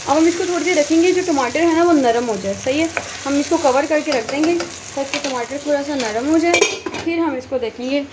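A woman's voice: high-pitched, fairly quick, background noise. A woman gives chatty step-by-step cooking instructions in her home kitchen, talking straight to viewers while holding her phone. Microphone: phone held in hand. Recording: loud frying sizzle behind. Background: frying and stirring sounds.

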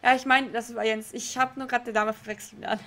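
A woman's voice: on the high side, fairly even intonation, fast talker, fairly bright tone. A young woman streaming a game live, chatting with her chat, laughing often and getting confused. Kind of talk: live let's play with chat reading. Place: home room.

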